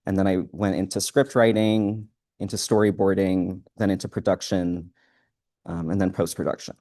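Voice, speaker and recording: A student man presents live in front of an audience. His voice sits very low and has a mellow, dark color. He moves through his material hesitantly, in a halting way. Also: little pitch movement.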